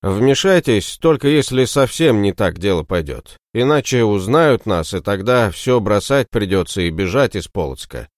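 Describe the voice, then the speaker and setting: Man reading as a calm, commanding warband leader. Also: fairly low pitch, normal speed, few pauses, dry recording, clean studio sound, close to an everyday voice. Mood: firm. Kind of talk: audiobook reading.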